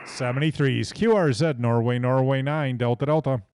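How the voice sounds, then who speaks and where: A man's voice: mid-range voice, moderate pace, darkish tone, slight background noise. An American man running casual amateur radio contacts into a close microphone. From Iowa, United States. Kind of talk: casual ham radio exchange.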